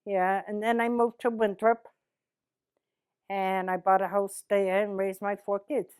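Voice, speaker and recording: A woman's voice: medium pitch, flat delivery, a little slow, darkish tone, smooth, no echo, studio quality. A woman in her seventies from East Boston with a Boston accent and a plainspoken manner. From East Boston, Massachusetts, USA. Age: 70s. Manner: plainspoken, short blunt answers. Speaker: interviewee. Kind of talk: reading test sentences and answering interview questions.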